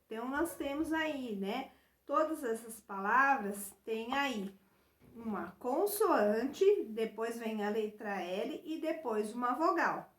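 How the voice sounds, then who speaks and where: A woman teacher with a Brazilian accent guiding children through a workbook exercise, spelling out syllables and letters patiently and filling pauses with little check-ins. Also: a little high, expressive, roomy sound. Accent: Brazilian Portuguese. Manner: addresses children directly, many fillers like "né" and "então". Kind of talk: remote lesson walking through a workbook.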